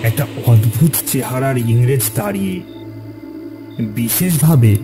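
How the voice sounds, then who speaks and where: A man with a mid-range voice narrates a scripted ghost story at a measured pace in a dramatic storytelling style. A clear music bed plays beneath his narration.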